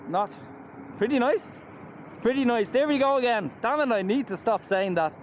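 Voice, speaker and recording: Riding an electric scooter beside roads in a helmet and mask, an Irish man reviews it in casual vlog style, chatting animatedly at a normal speed. His voice is extremely high-pitched and sounds phone-quality, with traffic and wind noise around him.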